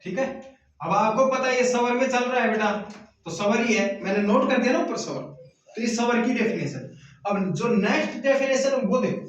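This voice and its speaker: A male teacher giving a slow classroom lecture, repeating questions to his students and answering them himself. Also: very high-pitched, lively intonation. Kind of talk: classroom lecture on Hindi grammar. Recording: distant, echoey, muffled room recording.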